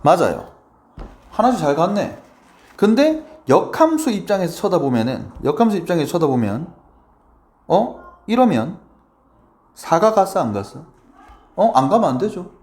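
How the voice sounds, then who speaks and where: A male math teacher giving a lively, playful lecture, constantly checking in with his students and acting out little quoted lines. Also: sits high, moderate pace, long pauses.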